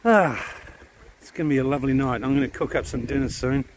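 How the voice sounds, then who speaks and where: A middle-aged Australian man vlogs casually into a handheld camera held at arm's length while camping beside a lake. His mid-range voice moves quickly, and his relaxed, chatty, easygoing travel narration has slight background noise behind it.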